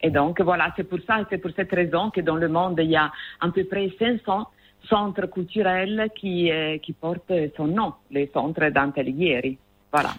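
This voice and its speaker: A woman's voice: on the low side, fairly even intonation, normal speed, breathy edge. A woman with an Italian accent, a teacher giving a phone interview, explaining carefully with many hesitations. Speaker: guest, language teacher. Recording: tinny phone line.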